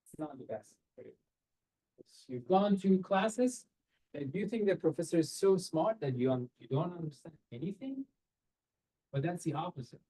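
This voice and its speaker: This is a man from Iran advising students on careers during a seminar held over video call, earnest and direct, with rhetorical questions and non-native phrasing. His slightly high voice is warm with a breathy edge and lively intonation, at a moderate pace. The webcam recording sounds rough.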